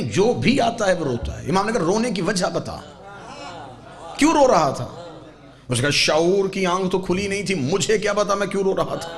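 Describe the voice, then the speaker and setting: Fervent high-voiced male preacher before a crowd. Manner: swings from soft low narration to loud fervent exclaiming. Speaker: Shia cleric preaching a majlis. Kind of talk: Urdu majlis sermon with storytelling. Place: gathering hall with a live congregation. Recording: crowd audible behind the preacher.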